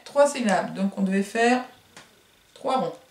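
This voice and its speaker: Slow, echoey woman teacher. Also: mid-range voice, expressive, gravelly. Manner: slow, syllable-by-syllable, encouraging. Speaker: kindergarten teacher. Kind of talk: remote phonics lesson for young children. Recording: roomy echo.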